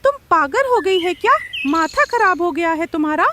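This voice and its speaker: A woman's voice: very high voice, lively intonation, moderate pace, sharp tone, a little hiss or hum, heavily acted. A woman voicing a fussy, scolding male parrot in a cartoon, who talks with a Bengali accent. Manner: scolding, Bengali-flavoured Hindi grammar.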